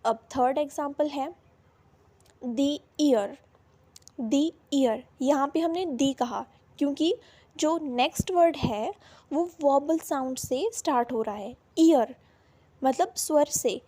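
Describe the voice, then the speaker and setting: A woman teaches English grammar at a slow, careful pace. Her voice sits high and light. She says each example word twice, deliberately. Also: warm tone. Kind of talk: explaining a lesson in Hindi.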